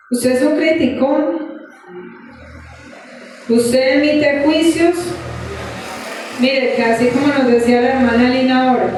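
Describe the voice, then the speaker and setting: A woman preacher delivering an animated sermon, asking the congregation questions. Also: high voice, a little hiss or hum. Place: church hall. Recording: echoey church from far off.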